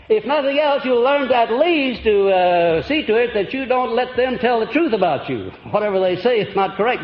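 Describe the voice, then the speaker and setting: A man giving a folksy motivational seminar lecture on an old archival recording, chuckling and quizzing his audience. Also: high voice. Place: lecture hall before a live audience. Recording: echoey, dull old lecture-hall tape with faint hiss.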